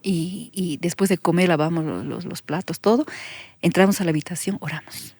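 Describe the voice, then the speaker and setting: A woman pastor, giving an earnest testimony that sinks into soft whispers when she recalls her prayers. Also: on the low side, normal speed, husky, no room sound, clean studio sound. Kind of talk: emotional testimony in conversation.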